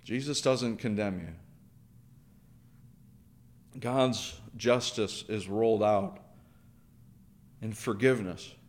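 A man's voice: on the low side, slow, pauses often. A man preaching a sermon, earnest, building through repeated phrases and questions. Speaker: pastor.

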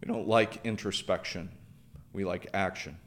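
A man's voice: deep voice, steady tone, normal speed, fairly bright tone. A man preaching a sermon, earnest, building through repeated phrases and questions. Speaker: pastor.

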